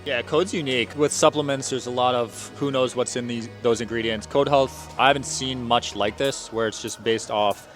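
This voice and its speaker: Podcast host, man, mid pitch, eager ad-read energy, soft music under him. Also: steady tone, moderate pace, hardly any pauses. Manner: upbeat, enthusiastic pitch. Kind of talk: sponsor read. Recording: faint music behind.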